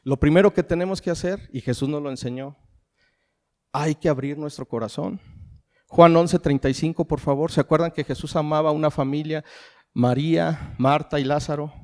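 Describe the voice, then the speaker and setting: Mexican pastor preaching in a reverberant hall. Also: male voice, a little high, fairly even intonation, normal speed. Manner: preaching with rhetorical questions, calls the congregation "familia". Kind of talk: sermon.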